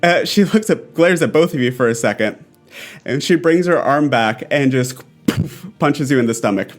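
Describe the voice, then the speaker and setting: Guy running a tabletop game, animated pitch, chatty with lots of uhs, faint music behind. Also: moderate pace. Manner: loose, chuckling narration with fillers. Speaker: game master.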